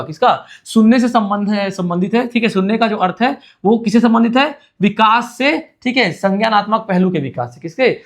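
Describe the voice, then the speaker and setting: Male teacher, high-pitched, exam-prep lecture, answers his own questions and repeats key points. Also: a bit bright.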